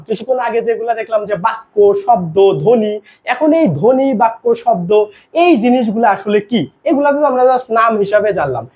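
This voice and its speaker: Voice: medium pitch, darkish tone. A teacher gives a live online grammar class in a casual style, mixing in English words and posing questions they answer themselves. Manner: asks quiz questions and answers them.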